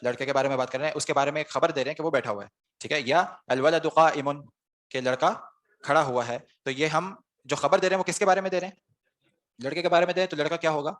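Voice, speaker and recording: A man's voice: a little high, steady tone, fairly bright tone. A man teaching an online Arabic grammar class, explaining step by step and putting questions to the students before answering them himself.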